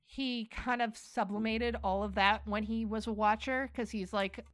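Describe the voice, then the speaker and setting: A woman's voice: on the high side, steady tone, moderate pace, no room sound. Chatty woman in a dry room. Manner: chatty, laughs often, swears casually. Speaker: podcast co-host. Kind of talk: casual TV rewatch chat.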